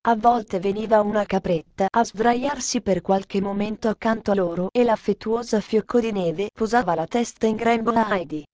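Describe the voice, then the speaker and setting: A woman narrating a storybook with steady, measured reading. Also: mid-range voice, dry recording, dull audio.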